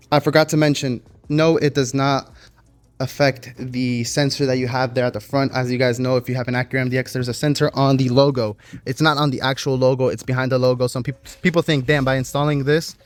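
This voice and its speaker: A man who runs a custom car shop, talking casually to his viewers and rambling loosely with fillers and restarts. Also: medium pitch.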